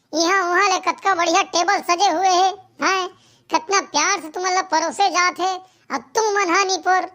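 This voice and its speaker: A voice actor playing a pushy small-town hotel waiter in a cartoon comedy, speaking briskly in a Chhattisgarhi accent. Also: extremely high pitch, pushed and bright. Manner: brisk, insistent.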